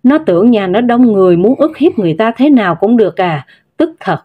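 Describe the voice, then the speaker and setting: A woman's voice: fairly high pitch, sing-song, brisk, husky, narrow, tinny audio. A woman doing a fuming village man. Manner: grumbling, fuming. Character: angry, resentful male villager, strong.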